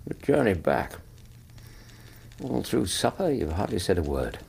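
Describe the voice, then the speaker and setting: An actor with an English accent playing a loyal, kindly Victorian doctor in a radio drama, reassuring and companionable. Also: male voice, deep voice, sing-song, a little slow, vocal fry, darkish tone, breathy edge, full character voice. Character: loyal, kindly Victorian doctor, detective's concerned old friend. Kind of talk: period radio drama acting.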